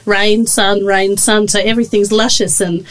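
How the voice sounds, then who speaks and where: A woman, hosting a podcast in a relaxed, chatty way with fillers. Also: mid-range voice, moderate pace, rough recording. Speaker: podcast host. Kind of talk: casual podcast chat.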